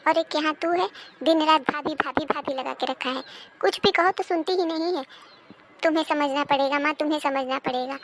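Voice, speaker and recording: A woman's voice: high-pitched, fairly quick, slight background noise. A woman voicing a nagging, self-pitying older mother-in-law in a cartoon. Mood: bitter. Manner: complaining, bitter, self-pitying. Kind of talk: cartoon dubbing.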